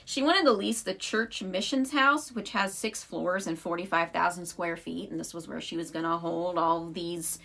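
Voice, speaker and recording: A woman's voice: fairly low pitch, moderate pace, gravelly, few pauses, pushed and bright. A young woman co-hosting a podcast, telling a story in casual chat with lots of "like" fillers. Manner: chatty storyteller, frequent "like" fillers. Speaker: podcast co-host.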